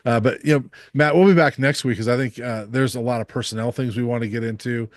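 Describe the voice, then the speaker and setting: Relaxed man hosting a sports podcast. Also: medium pitch, no room sound, clean studio sound. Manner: relaxed, measured, many ums and uhs. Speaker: sports reporter and podcast host. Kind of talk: casual sports podcast chat.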